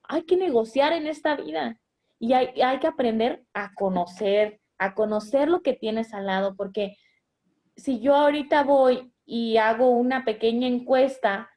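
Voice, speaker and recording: High-voiced woman giving parenting advice. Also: unhurried, mellow. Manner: earnest, explanatory, with frequent restarts. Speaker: guest speaking as a mother.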